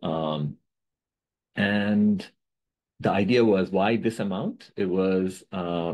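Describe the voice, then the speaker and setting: The speaker is a middle-aged economics researcher from Bangladesh with a deep, darkish voice, giving an academic talk by video call. He lectures casually, often asking "right?" and correcting himself. The low-quality recording has a little hiss or hum.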